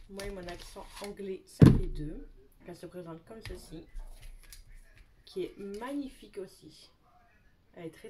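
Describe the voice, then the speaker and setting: A woman's voice: mid-range voice, warm tone, slight background noise. A young adult woman talking casually as a beauty vlogger, chatty and gushing, often repeating words for emphasis. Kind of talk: casual show-and-tell chat.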